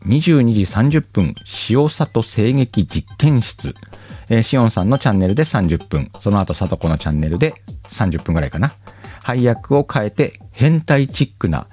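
With a fairly low voice and darkish tone, a man reads listener letters aloud on his casual solo talk show, chatting radio-style. He mocks himself and fills his speech with fillers while faint music plays in the background.

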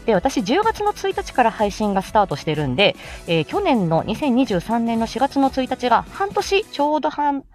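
Over faint background music, a woman who voice-acts hosts a live morning audio stream, talking to listeners at a moderate pace with hardly any pauses. Her voice is on the high side and sing-song. She comes across polite and bubbly, thanks people effusively, and laughs often.

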